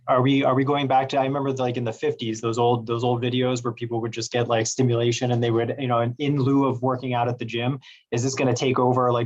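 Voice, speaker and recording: A man with a mid-range voice, heard with lo-fi sound over a video call, moderates a medical webinar as its host and a doctor. He asks questions in a loose, chatty, casual way, using plenty of fillers.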